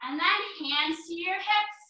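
A woman's voice: very high-pitched, slow pace, bright, forceful tone. A woman teaching a children's yoga class, calling out poses in an upbeat, encouraging, sing-song way. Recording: echoey room, voice from far off.

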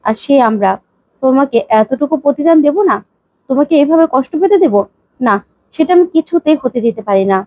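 A woman's voice: sits high, animated, brisk, no room sound, dull audio. A woman reading as a grieving, tearful mother. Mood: sorrowful. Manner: tearful pleading. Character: grieving middle-aged mother, heartbroken and self-reproaching.

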